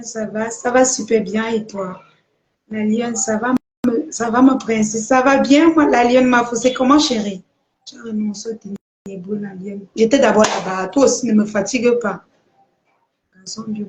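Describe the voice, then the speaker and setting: A woman's voice: a little high, fairly even intonation, unhurried, a little mellow, a little hiss or hum. A woman chatting live with viewers, greeting them and reading their comments, laughing often and chanting names in a sing-song way. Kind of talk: casual live-stream chat. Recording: echoey room.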